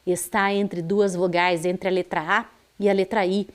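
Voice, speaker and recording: A Brazilian woman with a Brazilian Portuguese accent teaches a primary school video lesson, drawing out words and stressing their sounds for young children. Her voice is medium-pitched and level, at a normal speed.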